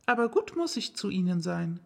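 A woman voicing Alice, a curious, dreamy young girl who chatters to herself in a lively way. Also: medium pitch, moderate pace, gravelly, long reverb tail, voice pushed down. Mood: wondering.

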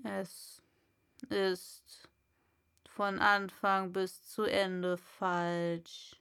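A woman reading a storybook and voicing a haughty caterpillar that drawls slowly in a low, breathy half-whisper. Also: little pitch movement, fairly bright tone.

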